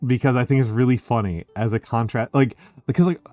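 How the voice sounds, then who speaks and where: A man chatting casually as a streamer, excitable and rambling, leaning on filler words like "like". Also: mid-range voice, a little fast, no room sound, soft background music. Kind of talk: casual chat.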